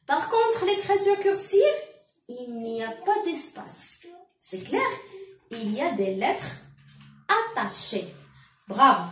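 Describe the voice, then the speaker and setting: A woman teacher with a high, lively voice spells out syllables very slowly and emphatically for young children. She is recorded in an echoey room from some distance away from the mic. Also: a little hiss or hum. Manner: slow, emphatic, syllable-by-syllable with claps. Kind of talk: slow classroom reading lesson for young children.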